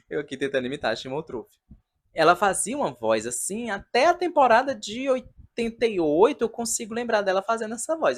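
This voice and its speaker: A man in his thirties giving a casual, chatty and sentimental review in a vlog, talking in front of a decorated wall at home. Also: on the high side. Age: 30s. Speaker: video reviewer of a comedy show.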